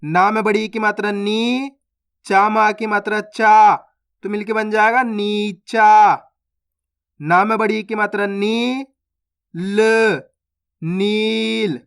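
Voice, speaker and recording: Slow, drawn-out Hindi reading teacher, man. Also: sits high, level tone, a bit bright, clean tone. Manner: stretches words slowly, then explains quickly. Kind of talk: slow phonics lesson, drawn-out syllables.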